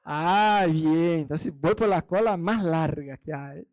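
High-voiced man preaching with acted anecdotes. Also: slow, darkish tone, no room sound. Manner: storytelling with acted-out quotes; chatty, addresses listeners directly. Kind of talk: sermon.

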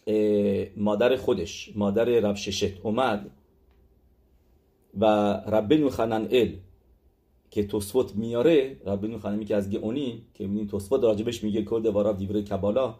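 A man's voice: on the low side, fairly even intonation, warm tone. A man teaching a religious text lesson, explaining step by step with frequent hesitations and fillers.

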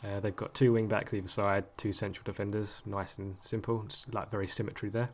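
A man's voice: fairly low pitch, little pitch movement, fairly quick. A man co-hosting a podcast, talking casually with lots of ums and easy laughs. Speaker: podcast co-host. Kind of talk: casual chat.

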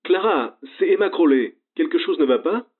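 A man's voice: fairly high pitch, expressive, normal speed, pitched above the performer's own voice. A man voicing a worried older woman friend speaking over a phone filter, hesitant and fretful. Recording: tinny phone line.

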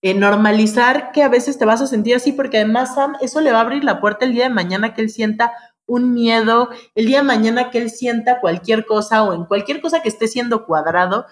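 Animated Mexican woman telling stories. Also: a little high, a little fast. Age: adult mother. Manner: animated, storytelling, keeps swearing it's true. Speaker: guest. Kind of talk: casual podcast conversation.

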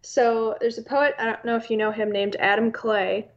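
A woman guest poet on an online call, speaking casually and reading her work aloud, with a dull, slightly rumbly sound. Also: fairly even intonation, moderate pace. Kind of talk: casual chat and poem reading.

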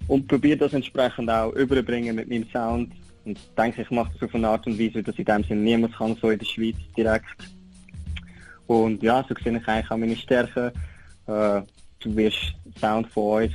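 A rapper from Aargau, Switzerland, gives a casual interview over a telephone microphone, speaking loosely with a Swiss German accent and mixing in English slang. His voice is lowish and darkish, and the recording is rough.

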